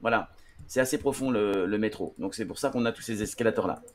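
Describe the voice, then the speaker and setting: A man's voice: on the low side, fast talker, a crowd in the background. A man teaching English pronunciation on a TV show, talking with many fillers and restarts. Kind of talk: classroom-style TV lesson.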